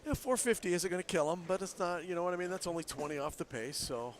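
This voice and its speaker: At a bowling alley, a stuffy-nosed bowler joins the stream commentary, chatting casually, joking and laughing easily. His voice sits high and moves fast, with bowling alley crowd noise behind him.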